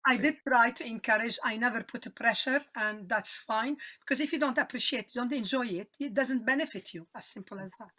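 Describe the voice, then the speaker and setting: A woman with a Lebanese accent talks in a relaxed interview. Her voice is crisp and bright, sitting a little high. She is expressive and good-humoured and laughs easily. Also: fairly quick, few pauses. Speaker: guest, cookbook author. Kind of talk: casual interview chat.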